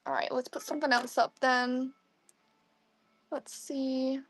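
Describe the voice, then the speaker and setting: High-voiced woman in her twenties, unhurried. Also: level tone. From Midwest USA. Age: 20s. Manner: chatty, answers viewers' comments. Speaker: live online seller. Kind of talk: casual livestream chat.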